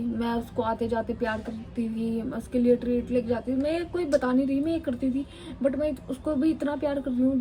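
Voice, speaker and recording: A woman's voice: high voice, warm tone, rough recording. A woman vlogger from Chandigarh, India, retelling a run-in in an indignant, emphatic storytime style. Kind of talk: storytime vlog.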